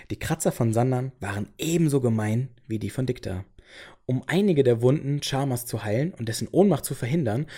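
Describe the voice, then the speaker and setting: Male narrator, storybook reading, husky, mellow. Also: medium pitch.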